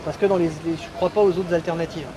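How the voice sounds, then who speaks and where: Middle-aged man from France, hesitant answers, fast speech, loud traffic behind. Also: on the high side, steady tone. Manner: measured, hesitant, many restarts. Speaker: passerby interviewee. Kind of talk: street interview answers. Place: city street outdoors. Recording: loud outdoor street noise.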